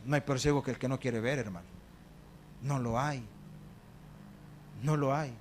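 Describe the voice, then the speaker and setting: A man with a Salvadoran Spanish accent, a pastor preaching a sermon, telling stories with acted quotes and swinging between hushed and loud delivery. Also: mid-range voice, a little slow, a little hiss or hum. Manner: addresses the congregation as brothers.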